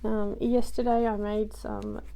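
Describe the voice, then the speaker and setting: In a rough recording, a woman who vlogs about craft journaling rambles casually through a project at home, sprinkling in ums and modest self-deprecating asides. Her medium-pitched, dark voice, only just recovered from loss, keeps a level tone and an unhurried pace.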